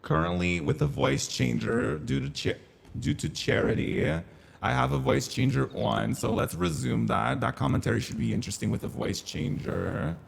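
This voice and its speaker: Male streamer, voice-changer filtered, gravelly, lively campy game commentary, faint noise. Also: mid-range voice, moderate pace. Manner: chatty, campy, playful. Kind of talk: casual live-stream commentary.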